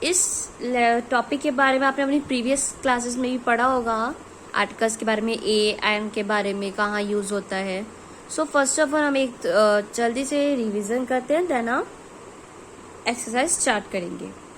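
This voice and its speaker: A young Indian woman teaching a grammar lesson to children, explaining slowly and carefully as she switches between Hindi and English. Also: on the high side, a little hiss or hum, rough recording.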